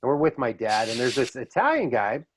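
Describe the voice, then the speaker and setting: A middle-aged man hosting a podcast, swapping stories in a casual, animated way and laughing easily. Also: mid-range voice, fairly quick, a little hiss or hum. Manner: animated storyteller who drops into voices and laughs easily. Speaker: podcast host. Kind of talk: casual reminiscing chat. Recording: dull lo-fi audio.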